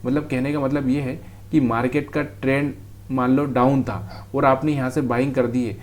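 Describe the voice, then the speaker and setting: A man's voice: mid-range voice, flat delivery, moderate pace, a little mellow. A man teaches trading over a chart in a casual, direct way, calling the viewer brother. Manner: talks straight to the viewer, calls them brother.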